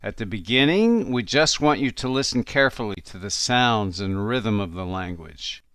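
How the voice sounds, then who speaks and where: A man's voice: fairly low pitch, expressive, normal speed, a bit bright, smooth, no echo. A man narrating a language course in a scripted, encouraging and reassuring instructor's manner, recorded on a studio microphone.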